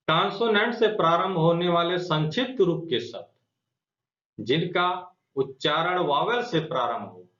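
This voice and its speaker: A man teaches a grammar lesson slowly, in a fairly high, bright voice. He poses questions to the class, answers them himself and repeats the key terms. The recording sounds roomy and dull, like lo-fi audio captured in an echoing room.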